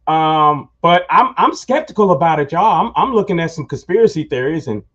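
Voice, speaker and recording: A man's voice: on the high side, animated, a little fast, fairly bright tone. A man hosting a talk show, chatting casually and telling rambling stories, calling his listeners y'all. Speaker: show host. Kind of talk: casual chat. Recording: dull lo-fi sound.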